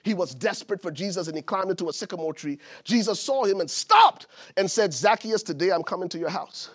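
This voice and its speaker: A pastor from Liberia preaching a sermon, building to shouted emphasis. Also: male voice, high-pitched, expressive, fairly quick, husky. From Liberia, West Africa.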